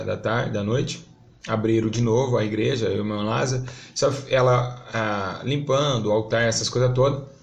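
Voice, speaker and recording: Pastor from Brazil, a man with a gravelly edge, earnest testimony that swells into fervent outbursts. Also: medium pitch. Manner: earnest, storytelling, rising to fervent emphasis. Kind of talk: testimony to a church audience.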